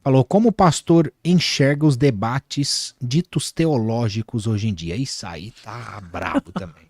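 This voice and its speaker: A man's voice: mid-range voice, measured pace, no echo. A man with a Brazilian Portuguese accent, hosting a casual religious podcast, chatty and joking in short remarks.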